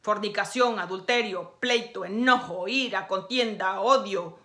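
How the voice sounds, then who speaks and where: A woman preacher delivering a sermon. She speaks straight to the listener, exhorting and scolding. She swings from quiet, low stretches to loud, raised passages. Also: a little slow. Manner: emphatic, exhorting the listener directly.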